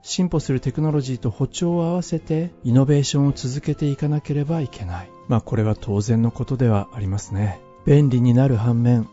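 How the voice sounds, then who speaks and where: A man hosting a podcast, calmly explaining English phrases for learners and signing off politely. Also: medium pitch, a little fast, few pauses. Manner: calm, explanatory, adds polite sign-offs. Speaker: podcast host, English teacher. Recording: dull lo-fi audio, faint music.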